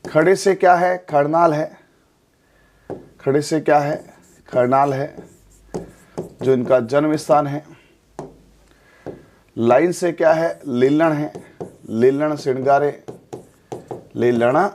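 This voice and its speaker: Chatty man teaching with quick questions. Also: fairly high pitch, a little mellow, a little hiss or hum. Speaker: exam coaching teacher. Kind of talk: classroom lecture.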